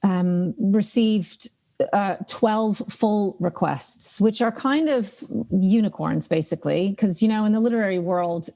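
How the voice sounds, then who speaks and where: A Ukrainian-born woman living in the United States appears as a guest author on a video call, telling stories in a casual interview. Her mid-range voice is warm and unhurried, and she chats along with plenty of ums and restarts.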